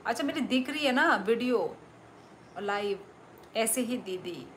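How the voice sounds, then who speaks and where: A woman hosting a live stream, talking slowly and unhurriedly as she answers her viewers. She reads out their messages and breaks into exclamations. A faint hiss of noise sits underneath. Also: a little high, lively intonation. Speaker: livestream host.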